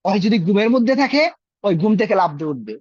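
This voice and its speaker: A man's voice: high-pitched, lively intonation, fast talker, a little mellow, slightly rough, no room sound, highs cut off. A man teaching Arabic in an online class, explaining patiently with everyday examples. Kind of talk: online class over a group call.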